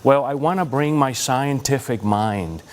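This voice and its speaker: A man's voice: medium pitch, a little slow. A man from Cuba answering a debate question in an earnest, personal way. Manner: earnest, personal, some hesitation. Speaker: debate candidate.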